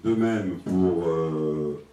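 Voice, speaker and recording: A low-pitched, dark-toned male voice reads formal amendments at a municipal council meeting, delivering legal wording in a measured, formal manner. Heavy, cathedral-like echo fills the large council chamber, making him sound distant, and faint noise sits under the very echoey recording.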